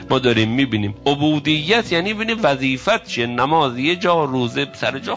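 A male preacher delivering a sermon, telling stories and voicing the people in them, at times dropping into a hushed, grieving tone. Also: mid-range voice. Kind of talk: religious sermon from the pulpit. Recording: dull lo-fi recording with faint music.

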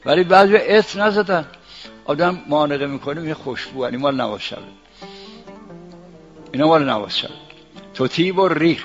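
A man's voice: fairly high pitch, long pauses. An older man, a cleric giving a folksy sermon with homely examples and chanted verse, on a dull lo-fi recording with faint music.

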